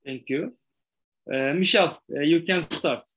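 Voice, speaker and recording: A man moderating a pitch event as its host. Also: unhurried, fairly bright tone. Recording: faint background noise.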